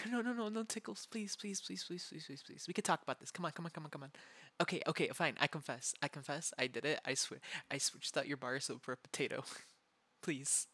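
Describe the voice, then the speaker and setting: A man's voice: a little high, pushed and bright, slightly rough, no room sound. Casting: male actor as impish gremlin femboy for ASMR role-play, tickle-attack giggles, breathless repeated begging, close dry sound. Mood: giggling, pleading. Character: mischievous gremlin femboy prankster being tickled, pleading.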